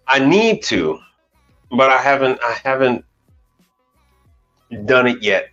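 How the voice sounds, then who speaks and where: A channel host in his forties from the United States, who works as a commercial appliance repair technician, speaks at an easy, ordinary pitch during a casual live chat. His talk rambles, with plenty of restarts and mild swearing. Faint music runs beneath the dull, lo-fi sound.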